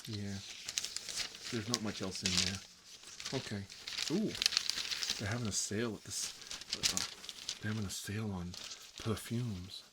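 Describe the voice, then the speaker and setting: A fairly low-pitched male voice, measured in pace and broken by long pauses, carries a chatty ASMR role-play about a fussy, petty grown man forced to babysit. He rambles in a gossipy, petulant manner. The audio is clearly noisy and clicky.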